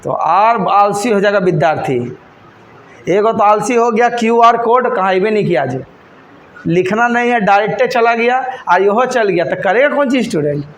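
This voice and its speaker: A male teacher at a government exam coaching class teaches math to a live class in a high-pitched, animated voice. He constantly quizzes his students, scolds and teases them, and slows down to explain each step.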